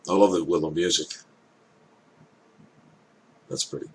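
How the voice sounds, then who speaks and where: An older man with an elderly-sounding voice gives casual off-the-cuff commentary, thinking aloud in halting, hesitant phrases. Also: low-pitched, steady tone, low-quality recording. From Canada. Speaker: reaction video host. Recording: clear background noise.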